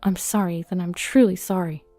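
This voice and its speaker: A woman's voice: lowish voice, fairly even intonation, a little fast, warm tone, soft background music, close to an everyday voice. A woman voicing an earnest, loyal young groom who turns stern when upset, in a storybook reading.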